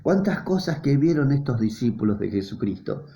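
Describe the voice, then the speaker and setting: A man's voice: mid-range voice, big pitch swings, moderate pace, vocal fry, dark tone, slight background noise. A man, a pastor preaching a sermon in an earnest, repetitive way, his voice rising and falling. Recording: roomy, dull lo-fi church sound.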